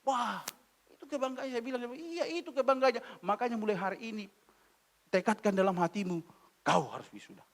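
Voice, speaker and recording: A man's voice: very high-pitched, brisk. A man from Indonesia preaching a sermon as an evangelist, blunt and scolding, telling stories with quoted dialogue. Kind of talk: sermon with storytelling. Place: church.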